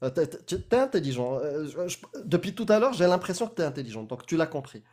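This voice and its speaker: A man's voice: a little high, big pitch swings, quick pace, a little mellow. A man running a heated live debate, pressing and mocking his opponent and talking over him. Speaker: debate host.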